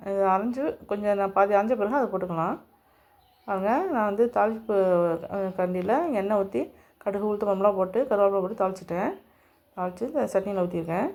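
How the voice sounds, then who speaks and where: Woman, quick talker, mid pitch, home cooking demo, friendly step-by-step explaining. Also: darkish tone. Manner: homely step-by-step instructions, speaking to viewers directly. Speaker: cooking channel host.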